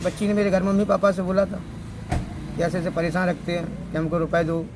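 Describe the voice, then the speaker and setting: Agitated man, high voice, street traffic. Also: little pitch movement, fairly quick. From Madhya Pradesh, India. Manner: agitated, demanding justice. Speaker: victim's brother. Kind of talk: street interview. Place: outdoors by a road. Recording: outdoor street with traffic noise.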